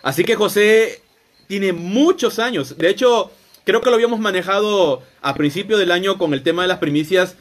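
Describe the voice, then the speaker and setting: Higher-voiced man teaching a Bible story. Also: normal speed. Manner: conversational, many restarts and "o sea" rephrasings. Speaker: preacher.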